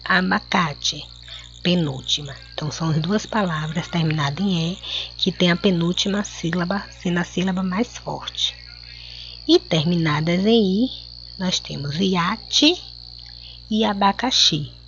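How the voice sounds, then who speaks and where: A Brazilian woman teacher with a fairly low voice speaks slowly and clearly, stretching out words for young pupils. The recording is dull and lo-fi, with faint crickets somewhere behind her. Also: fairly bright tone, slight background noise. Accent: Brazilian Portuguese. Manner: slow, clear, spelling words out for children. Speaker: schoolteacher. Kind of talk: recorded classroom lesson.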